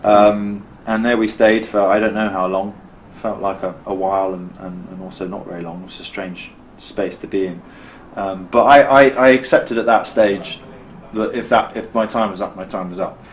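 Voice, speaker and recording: A man's voice: lowish voice, steady tone, normal speed, slight background noise, rough recording. A British man and filmmaker, interviewed as a guest, telling a vivid story in conversation, acting out what people said and often restarting his sentences. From Britain. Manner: vivid, acts out quotes, frequent restarts. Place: costume shop.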